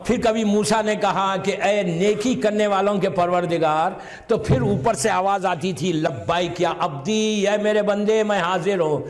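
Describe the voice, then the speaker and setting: A man with a high-sitting voice preaches to a live audience in a religious gathering hall, telling a story dramatically and speaking few pauses. He acts out the dialogue in a rising, impassioned voice, sometimes shouting, and mixes English words into his speech. Soft music plays in the background, and the large hall gives a long reverb.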